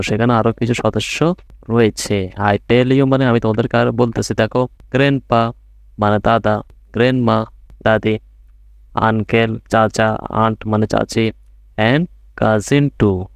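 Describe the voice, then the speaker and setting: A male teacher with a Bangladeshi accent who gives a primary school English lesson, reading English words very slowly and then explaining them to his pupils. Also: on the low side, dry recording. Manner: addresses pupils directly, checks understanding with rising tag questions.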